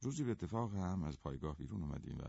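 Deep gravelly male narrator. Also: sing-song, dark tone, no room sound, muffled recording. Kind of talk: scripted narration.

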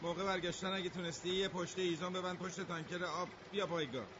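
Brief: actor doing a joking friend on a tractor, dull lo-fi sound. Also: male voice, high voice, steady tone, background noise, natural voice. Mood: teasing. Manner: teasing and playful. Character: joking man riding the tractor.

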